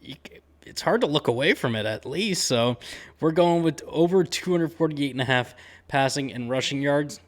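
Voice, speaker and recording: A man hosting a sports betting picks show, talking casually and upbeat, with slangy sports talk and lots of "um" and "uh" fillers. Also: medium pitch. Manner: chatty and upbeat, with frequent "um" and "uh" fillers.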